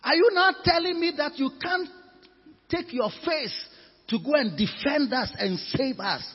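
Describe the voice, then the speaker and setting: A man's voice: very high-pitched, unhurried, pitched above the performer's own voice. A man voicing an indignant old uncle scolding his niece in a sermon. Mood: incredulous. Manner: incredulous, scolding. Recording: echoey church hall, dull lo-fi.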